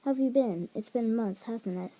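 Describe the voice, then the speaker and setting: A woman's voice: a little high, normal speed, mellow, natural voice. A woman voicing a chatty young female pony socialite, speaking in an awkward, eager way.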